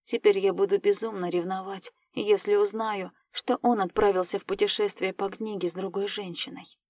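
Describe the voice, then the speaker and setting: A woman reads a first-person fantasy story aloud, with playful, lively storytelling. Her voice sits at a mid pitch, recorded close and dry with no room sound. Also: normal speed, dry recording. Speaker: audiobook narrator. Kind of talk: scripted first-person narration.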